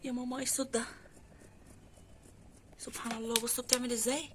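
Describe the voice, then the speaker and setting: An anxious woman with an Egyptian accent films a casual vlog in her apartment. Her voice sits high and she keeps exclaiming to her viewers. A steady noisy background runs under a home phone recording. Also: fast. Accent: Egyptian Arabic. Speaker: vlogger filming at home.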